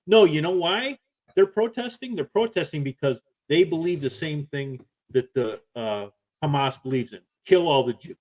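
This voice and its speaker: A man co-hosting a live-stream podcast, talking forcefully with restarts and repeated points. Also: fairly high pitch, expressive, normal speed. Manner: forceful, repetitive, stop-start. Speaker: podcast co-host. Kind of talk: casual live-stream talk.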